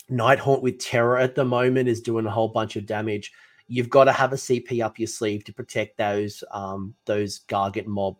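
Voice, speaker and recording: Rambling man with a fading voice. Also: on the low side. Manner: rambling, hesitant, many fillers and restarts. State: losing his voice. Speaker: co-host of a tabletop wargame talk show. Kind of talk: casual chat.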